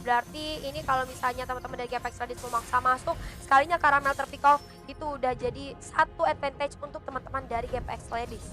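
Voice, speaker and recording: Female esports caster, Indonesian accent, bright forceful tone, chatty match analysis. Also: sits high, steady tone, fast talker, soft background music. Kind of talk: live esports analysis and commentary.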